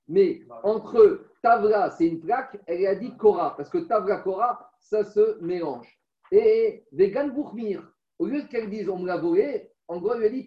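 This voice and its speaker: A man teaching a text study class, chanting text passages aloud and then explaining them with little stories. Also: sits high. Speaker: religious teacher. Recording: roomy, distant, dull recording.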